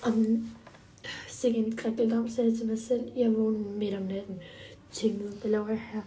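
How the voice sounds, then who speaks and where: A woman's voice: fairly high pitch, flat delivery, dark tone. A woman reading a first-person children's story aloud in simple, short, step-by-step sentences.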